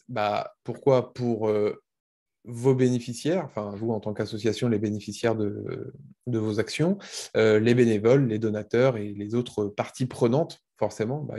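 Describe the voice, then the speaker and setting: A man's voice: mid-range voice, mellow. A man presenting a webinar as a consultant, explaining the basics simply for beginners over a video call.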